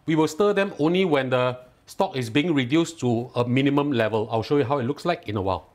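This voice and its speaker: In his home kitchen, a man with a Singaporean English accent narrates a cooking tutorial, guiding viewers through a recipe step by step. He speaks a little fast in a medium-pitched, slightly mellow voice, sounding instructive with light enthusiasm.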